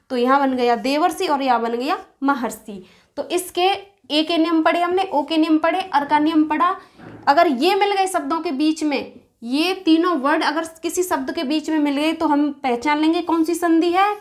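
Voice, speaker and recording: A woman teaching a grammar lesson, asking the class questions and answering them herself, slowing down to spell out sounds and examples. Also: high-pitched. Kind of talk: Hindi grammar lesson at a board.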